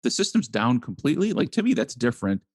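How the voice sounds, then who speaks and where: A man co-hosting a casual podcast conversation, laughing often and acting out quotes in an animated way. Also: medium pitch, fast talker, breathy edge, no room sound, clean studio sound. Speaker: podcast co-host.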